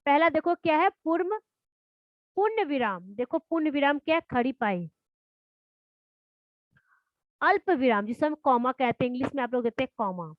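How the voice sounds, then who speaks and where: High-voiced woman teaching grammar. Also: lively intonation, dry recording. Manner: reads definitions slowly, then explains with questions to pupils. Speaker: school teacher. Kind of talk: classroom grammar lesson. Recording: dull lo-fi dry recording.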